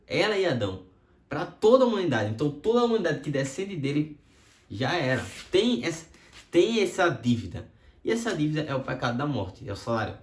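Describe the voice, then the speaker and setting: A male preacher explains a Bible passage in a lively storytelling voice that rises and falls a lot. He speaks at a mid pitch, and the room gives the sound a noticeable echo. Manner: expressive storytelling with swings in pitch. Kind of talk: Bible teaching sermon. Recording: roomy echo.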